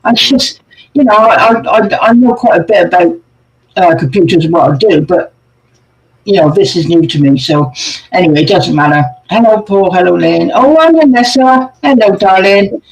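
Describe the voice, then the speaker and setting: A man's voice: sits high, animated, moderate pace, low-quality recording. A man chatting casually on a livestream as co-host, telling ghost stories and greeting viewers by name over a video call. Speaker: co-host, paranormal investigator.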